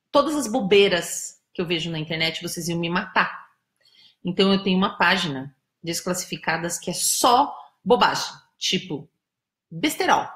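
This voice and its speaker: Teasing, bright-voiced Brazilian woman host. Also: lowish voice, reverberant. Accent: Brazilian Portuguese. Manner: chatty, teasing, greets viewers by name. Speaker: live stream host. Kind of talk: casual live chat with viewers. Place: indoors, home in São Paulo.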